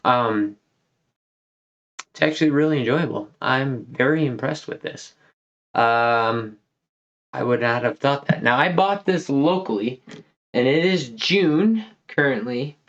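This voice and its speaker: A man's voice: medium pitch, expressive, unhurried, pauses often, a bit bright. A man hosting a casual whiskey review, talking in a loose, folksy, rambling way. He sounds a little tipsy, and he is short of breath from a lingering cold. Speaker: whiskey reviewer, channel host. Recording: dull lo-fi recording.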